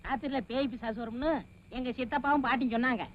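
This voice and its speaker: A man's voice: very high-pitched, fairly even intonation, quick pace. A fearful, pleading servant man in a film comedy, speaking Tamil-accented dialogue. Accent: Tamil Nadu. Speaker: timid servant. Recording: dull lo-fi film audio with faint hiss.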